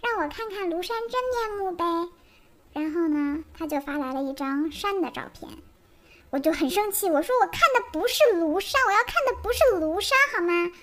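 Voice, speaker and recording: A woman's voice: very high-pitched, a little fast, fairly bright tone, voice pushed up. A woman voicing a goofy young male joke-teller, telling a comic joke in a singsong, bouncy, exaggerated way.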